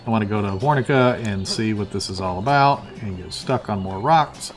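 A man's voice: fairly low pitch, moderate pace, faint music behind. A man casually commenting on a video game he is playing, thinking aloud with plenty of fillers. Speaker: let's play host.

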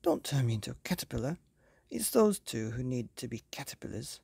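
A woman's voice: extremely low pitch, big pitch swings, fairly quick, gravelly, warm tone, breathy edge, no room sound, studio quality, full character voice. A woman voicing a small boy in a storybook, pleading and panicky. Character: small frightened young boy.

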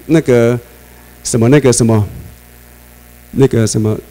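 A man with a Taiwanese Mandarin accent giving a classroom lecture, animated, often asking the class questions and laughing. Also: medium pitch, measured pace, low-quality recording. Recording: mains hum under the voice.

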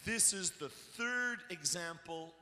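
A man's voice: sits high, lively intonation, slow, sharp tone. A middle-aged man from the United States preaching in a church auditorium on a handheld mic, telling stories in short punchy phrases for an interpreter. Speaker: guest preacher. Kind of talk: sermon with live interpreter. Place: large church auditorium with choir behind. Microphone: handheld microphone. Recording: long hall reverb.

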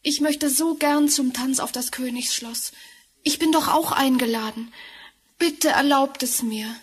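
A woman playing a meek, kind young girl in a fairy tale audio drama, gentle and pleading. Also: high-pitched, measured pace, husky.

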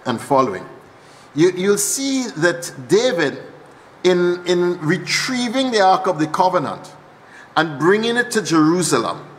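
A man's voice: sits high, a bit bright, big-room sound, slight background noise. A man with a Trinidadian accent, an archbishop giving a teaching sermon and repeating key lines for emphasis. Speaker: archbishop preaching. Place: church.

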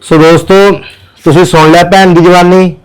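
A man's voice: high-pitched, level tone, fairly quick, clean tone, rough recording. A man who works as a social worker, pleading earnestly with viewers in a charity appeal video.

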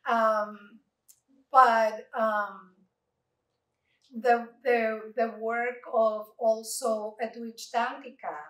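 A woman poet answering audience questions, slow and thoughtful, with many fillers and restarts, standing at a lectern in a library meeting room. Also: a little high, little pitch movement, a bit bright. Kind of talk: unscripted Q&A at an author talk. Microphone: far room mic. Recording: echoey room recorded from far off.

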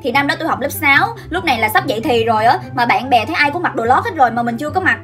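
A young woman, telling a comic childhood story in an animated, dramatic way. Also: high voice, very fast, faint music behind. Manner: animated and dramatic, acts out scenes. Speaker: vlogger.

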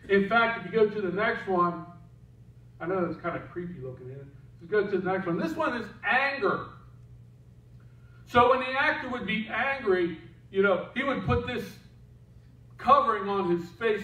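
A man with a high voice preaches a casual, joking sermon. He is heard from across an echoing church sanctuary, and the sound is a little dull. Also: pushed and bright, recorded from a distance. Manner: casual, joking, with asides to the slide operator. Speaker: pastor.

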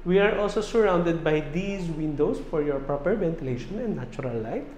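A man's voice: a little high, expressive, moderate pace, a little mellow. A man in his forties with a Filipino accent, an upbeat real estate host who walks through a house and lists its features, switching between English and Tagalog on a lapel mic. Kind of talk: walking house tour narration. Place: large empty house with bare hard walls. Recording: lingering hall reverb, faint room hiss.

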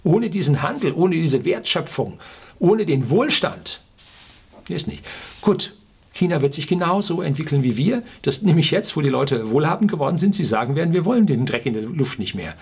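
A man in his sixties from Germany's Ruhr area, a video blogger, gives an opinionated, informal explainer to camera in a small furnished room. His voice sits on the high side with big pitch swings, moving at normal speed with slight roughness, and he speaks emphatically, throwing in rhetorical questions.

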